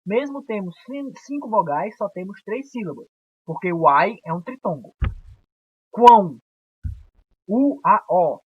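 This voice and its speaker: A young Brazilian man gives a recorded grammar lesson, his voice husky and a little breathy. He explains patiently and draws syllables out slowly. The sound is dry and dull, like a lo-fi home recording in a small room. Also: high-pitched, animated, no echo. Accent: Brazilian Portuguese. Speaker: teacher.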